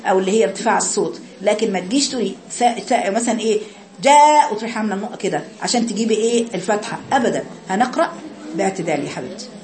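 Speaking rapid-fire with lively intonation, this medium-pitched, slightly mellow female voice belongs to an Egyptian Quran teacher. She corrects her pupils patiently, demonstrating the recitation herself in Egyptian Arabic, and the room sounds reverberant.

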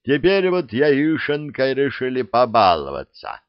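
An eager, croaking frog-like creature from a storybook, as a man puts him on. He talks in slow, drawn-out lines with a lively lilt. The sound is dry and a bit dull. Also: medium pitch, no room sound. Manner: croaking, impatient. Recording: dull lo-fi recording.

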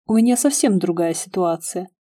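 A polite middle-aged gentleman who speaks with quiet, rueful courtesy, as a woman reader voices him. The voice is mellow and soft-edged, never forceful. A character in an audiobook. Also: on the low side, expressive, normal speed. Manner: courteous, wistful. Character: polite, sad middle-aged male restaurateur.

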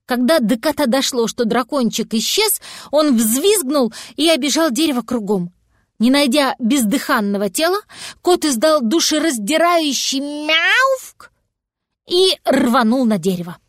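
Casual: lady reading a kids story, lively, fairly high voice, dry close mic. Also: normal speed, no room sound. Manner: lively, expressive. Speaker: narrator.

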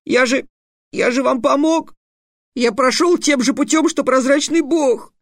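A man's voice: extremely high pitch, unhurried, dry recording, studio quality, voice pushed up. A man voicing a sulky, boastful young boy apprentice who turns whiny and pleading. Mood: tearful pleading.

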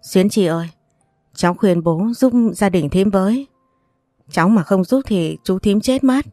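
A woman's voice: medium pitch, measured pace, warm tone, no echo, soft background music, close to an everyday voice. A woman voicing a distraught aunt who laments and begs for help in a read-aloud story. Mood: pleading. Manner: pleading, lamenting. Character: distraught aunt, wailing and pleading.

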